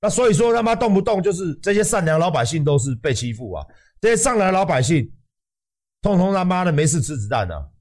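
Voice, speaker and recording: A man with a Taiwanese Mandarin accent, hosting a livestream and ranting in a heated, profane and animated way. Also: fairly high pitch. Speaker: livestream host.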